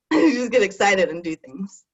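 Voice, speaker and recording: Chatty woman, slightly husky and muffled. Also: mid-range voice, big pitch swings, unhurried. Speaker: contestant. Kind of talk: casual chat.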